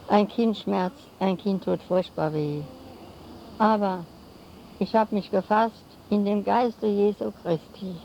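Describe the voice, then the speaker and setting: An older woman delivers a solemn sermon at a deliberate, unhurried pace, her phrases now and then falling into rhyme. Her voice is mellow and gravelly. The recording is dull and lo-fi, with a faint hiss behind her. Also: medium pitch. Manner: solemn, slow preaching with rhyming phrases. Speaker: lay preacher. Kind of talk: sermon to a congregation.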